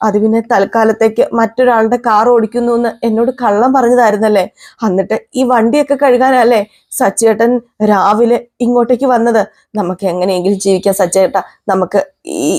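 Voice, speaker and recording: A woman's voice: on the high side, steady tone, fairly quick, a little mellow, lightly acted. A woman voicing Revathi, a tender young wife who pleads tearfully and emotionally with her husband. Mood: pleading.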